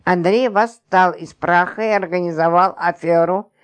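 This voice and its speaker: A woman's voice: normal speed, darkish tone, lightly acted. A woman doing a brash scornful wife. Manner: mocking, shrill scolding. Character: brash scornful middle-aged wife, loud and coarse.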